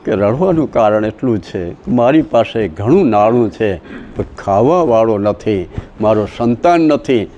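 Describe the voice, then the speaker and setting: A man's voice: on the low side, animated, a little slow, lo-fi sound, slight background noise. Gujarati man telling a devotional story. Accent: Gujarati (Saurashtra). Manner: dramatic, swings between loud exclamations and soft asides. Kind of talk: religious discourse with chanting. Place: outdoor village satsang gathering.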